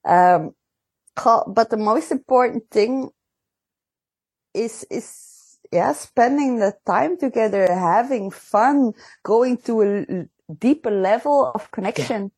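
Husky woman in halting, non-native English. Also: fairly high pitch, darkish tone, no room sound. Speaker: dog dancing champion guest. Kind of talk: interview answers.

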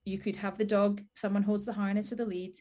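A woman's voice: medium pitch, flat delivery, a little fast, mellow. A woman guest in a casual chat, explaining practical dog-training advice with many fillers.

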